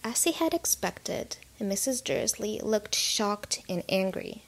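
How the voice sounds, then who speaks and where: A woman narrating a story aloud in a whispered role-play, soft and unhurried. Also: mid-range voice, expressive, creaky. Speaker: audiobook narrator.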